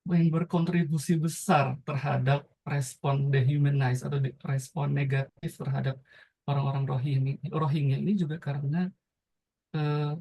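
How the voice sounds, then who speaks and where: A man from Indonesia speaks up from the audience with a gravelly, mellow voice. He talks in a halting, reflective way, pausing often to find his words. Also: medium pitch, rough recording. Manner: hesitant, many fillers and restarts, reflective. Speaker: audience member. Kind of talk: audience comment at a talk.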